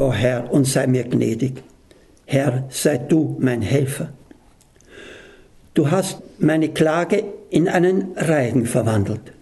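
Slow, gravelly-voiced man reading scripture. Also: a little high, dark tone. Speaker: preacher.

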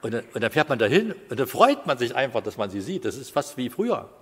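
A man in his fifties preaching a sermon in a conversational way, with quiet asides and loud bursts of emphasis. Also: mid-range voice, big pitch swings, quick pace, breathy edge. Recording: hall with long reverb.

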